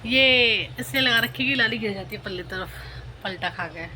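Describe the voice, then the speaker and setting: A woman's voice: a little fast, pushed and bright, a little hiss or hum, low-quality recording. Chatty young mother vlogging at home. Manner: chatty, talks to viewers and coos at her baby in a high sing-song. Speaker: family vlogger. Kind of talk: casual home vlog talk. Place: home kitchen and living room.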